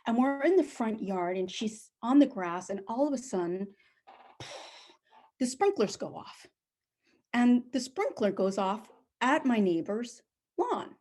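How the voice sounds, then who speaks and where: A middle-aged woman telling a personal story aloud, lively, acting out the other people in it. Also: a little high, normal speed. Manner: animated, acts out the voices of people in her story.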